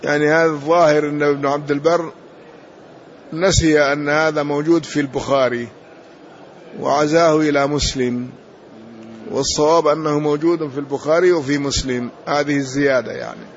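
A man's voice: on the high side, fairly even intonation, brisk. Man, teacher, explanatory lecture, restates each phrase, dull sound, faint background hiss. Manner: restates and explains each phrase, often closing with a short affirmation.

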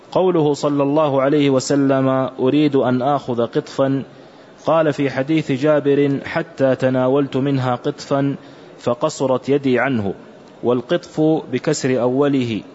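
A man reading aloud a classical religious commentary for a teacher, in a measured, careful recitation. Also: medium pitch, mellow. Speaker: student reading the text aloud. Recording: dull lo-fi recording.

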